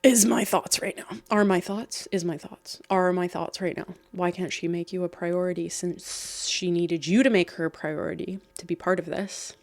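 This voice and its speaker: A woman casually reading stories aloud and breaking in with chatty, animated asides to the viewer. She sounds slightly croaky. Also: a little high. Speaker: host reading and reacting to online stories.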